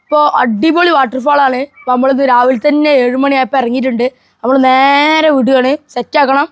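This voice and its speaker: High-pitched Kerala woman vlogger mixing in English. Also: fairly even intonation, a little fast. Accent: Kerala Malayali. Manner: Malayalam mixed with English words; repeats enthusiastic filler phrases, addressing viewers. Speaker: travel vlogger. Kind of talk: casual vlog chat to viewers.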